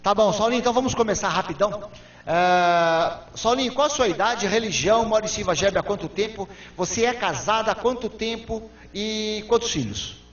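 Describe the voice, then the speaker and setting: A male interviewer with a notably high voice asks his questions in an upbeat, brisk manner. He sounds far from the mic in an echoey room. The recording is dull and lo-fi. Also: fairly bright tone. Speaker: TV interviewer host. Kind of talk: local TV interview. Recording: roomy, distant, dull lo-fi sound.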